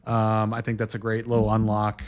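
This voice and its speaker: A man co-hosting a podcast in easygoing talk, often checking in with "right?" and pausing on "uh". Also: on the low side, completely flat delivery. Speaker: podcast co-host. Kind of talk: casual tech chat.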